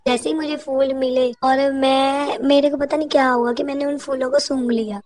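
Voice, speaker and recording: A woman's voice: high-pitched, darkish tone. A woman speaking with a tinge, earnestly retelling a spiritual experience to a congregation and repeating her phrases with feeling. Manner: earnest, repetitive, emotional retelling. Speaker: devotee sharing a spiritual experience. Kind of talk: personal testimony to a congregation.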